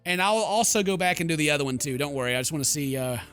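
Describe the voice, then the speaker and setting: Over game music, a man hosting a let's play reads the story text aloud dramatically, then breaks off into casual, jokey reactions. His voice is a little high and fairly bright, animated and racing along.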